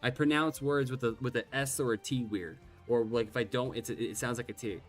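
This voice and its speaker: With faint game music playing, a Gaelic-first-language man with a slight lisp offers casual commentary as he streams a game, wandering off topic, putting himself down and cursing occasionally. His voice is mid-range and he talks a little fast.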